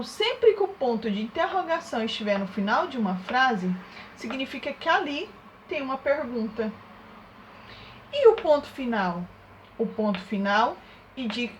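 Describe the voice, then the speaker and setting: A woman teacher speaks to young children in a slow, unhurried sing-song, coaxing them along with constant little check-in questions. Her voice sits on the higher side, patient and carefully paced, as if walking a class through a lesson step by step. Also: slight background noise. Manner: sing-song, coaxing questions, exaggerated loud demonstration of sounds. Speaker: primary school teacher.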